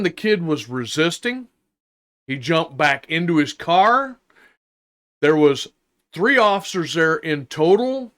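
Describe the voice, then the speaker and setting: Slow-talking older man on a rant. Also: on the high side, a bit bright, clean tone. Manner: halting, deliberate, with drawn-out pauses; indignant, emphatic, repeating phrases. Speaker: vlogger giving his opinion. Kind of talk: unscripted opinion rant.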